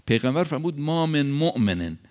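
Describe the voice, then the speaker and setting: A man preaching a sermon, retelling a story and speaking in an animated way, his pitch swinging widely between low and high. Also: smooth.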